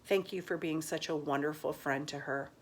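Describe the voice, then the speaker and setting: A woman reading a novel aloud, voicing a grieving father who speaks in a quiet, choked voice. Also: low-pitched, fairly even intonation, moderate pace, slight background noise, lightly acted.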